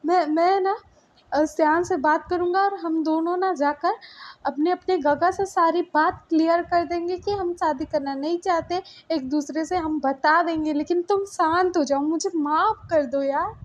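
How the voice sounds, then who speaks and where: A woman voicing a young man who keeps begging his girlfriend's forgiveness, soft and pleading. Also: extremely high pitch, steady tone, measured pace, muffled recording, voice pushed up. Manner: begging, soft, repeated pleas.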